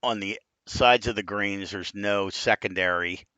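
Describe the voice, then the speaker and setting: A man in his fifties with a deep, gravelly voice, chatting casually and bluntly as he reviews game courses on a live stream. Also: a little slow, pushed and bright, dry recording. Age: 50s.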